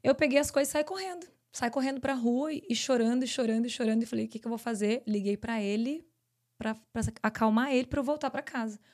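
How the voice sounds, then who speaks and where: A Brazilian woman, a podcast guest, telling her personal story in an earnest, rapid flow. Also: fairly high pitch, a little mellow. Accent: Brazilian Portuguese. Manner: earnest, tells events in long rapid runs.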